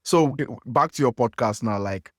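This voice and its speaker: An expressive man from Nigeria, speaking with a Nigerian accent in a mid-range voice at a moderate pace, hosts a podcast interview in a conversational style. He asks long questions riddled with fillers and restarts, and the recording is clean studio sound with no room sound.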